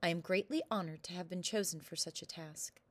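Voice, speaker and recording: A woman's voice: lowish voice, brisk, no echo, close to an everyday voice. A woman reading aloud, voicing a fat, nervous male storyteller who pleads and stammers with fear. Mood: pleading.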